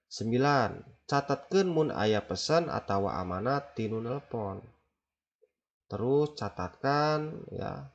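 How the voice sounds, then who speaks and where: Slow, gravelly-voiced male teacher. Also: on the low side. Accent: Sundanese. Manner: slow, halting, with many fillers, mixing two languages. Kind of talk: classroom lesson explaining phone etiquette. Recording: dull lo-fi recording.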